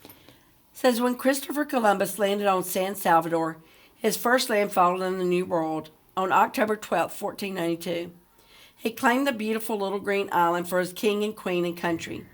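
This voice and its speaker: A teacher reads a book aloud and talks directly to her students, asking questions to spark discussion. Her voice is mid-range and her speed is normal.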